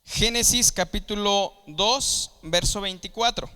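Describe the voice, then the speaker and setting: Speaking slowly in a high-pitched voice that's sharp, clear and resonant, a man gives Bible teaching in a church hall. He breaks ideas into steps and checks often that his listeners understand. The recording carries long hall reverb.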